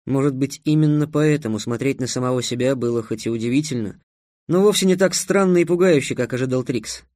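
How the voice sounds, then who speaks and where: A man narrating an audiobook in a steady, wry storytelling manner. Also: medium pitch, brisk, no echo, studio quality. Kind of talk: scripted narration.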